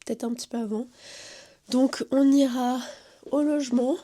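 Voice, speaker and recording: A young woman talking to her phone camera in a casual vlog, chatty and excitable, laughing often. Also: sits high, normal speed. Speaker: vlogger. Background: background music.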